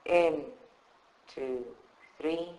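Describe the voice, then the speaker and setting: At a group meditation session in an indoor room, a man with a fairly high voice gives calm, measured instruction. He speaks very slowly and soothingly, with long pauses between short phrases, and the live recording sounds roomy with clear echo.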